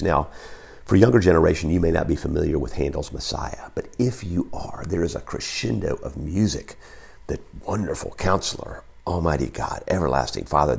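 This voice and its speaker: A man preaching a Sunday sermon with a croaky, froggy voice, often repeating words as he reads excerpts from a book. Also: rumbling low, a little mellow. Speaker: pastor.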